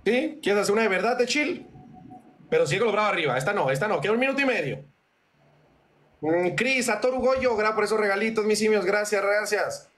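A man's voice: high-pitched, lively intonation, brisk, a bit bright. A young Mexican man chatting casually on a livestream, slangy and thanking viewers for gifts. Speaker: streamer.

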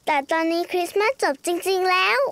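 A woman's voice: very high-pitched, fairly even intonation, a little fast. A woman voicing a sulky, lonely young girl villain in a children's cartoon dub, with a pouty, complaining manner. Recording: music and noise behind the voice.

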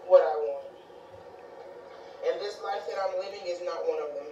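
A woman's voice: lowish voice, normal speed, dark tone, dull audio. A woman vlogger making an intense, emphatic vow to herself, swearing as she speaks. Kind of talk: emotional self-recorded vow. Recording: echoey room, far from mic, faint noise.

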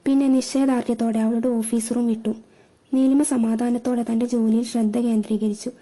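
Dark-voiced woman narrating a story. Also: on the high side, level tone, fairly quick.

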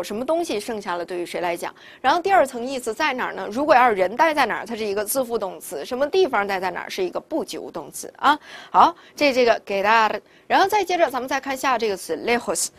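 女老师，讲课时不停自问自答. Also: female voice, on the high side. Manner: explains step by step, asks rhetorical questions. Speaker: Spanish teacher. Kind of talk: recorded vocabulary lesson.

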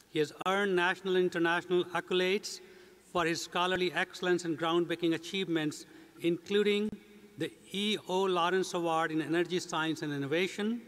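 A man's voice: on the high side, fairly bright tone. Older man giving a formal podium speech. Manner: measured, read from script. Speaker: university president. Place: large indoor commencement stage. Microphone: podium mic. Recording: long reverb of a big hall.

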